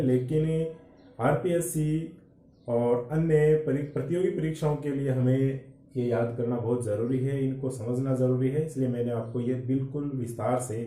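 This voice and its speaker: A man teaching Hindi grammar for exam preparation, explaining slowly and drawing out vowel sounds. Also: medium pitch, mellow, far from the mic. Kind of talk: exam-prep lecture. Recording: echoey room, voice from off-mic.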